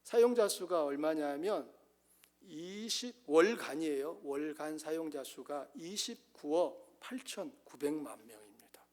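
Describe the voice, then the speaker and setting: A man preaching a Sunday sermon as pastor, earnest, swinging between emphatic rises and soft low asides. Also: expressive, a little slow.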